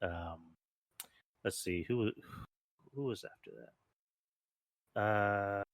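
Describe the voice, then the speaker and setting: A man's voice: on the low side, very slow, no room sound. A man hosting a solo show, reviewing wrestling in a casual, rambling way full of fillers, restarts and blunt swearing. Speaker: solo podcast host.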